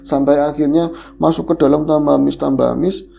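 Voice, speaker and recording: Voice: medium pitch, little pitch movement, fairly quick, creaky, mellow, slight background noise. A podcast host animatedly retelling a horror story in casual chat, the voice leaping up at the scary moments.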